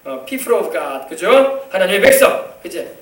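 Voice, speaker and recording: Very animated yet a little slow, a high-voiced male pastor from Yeosu in South Jeolla delivers a children's sermon, asking questions and waiting for the children's responses. His voice comes from a distance through the echo of the church hall.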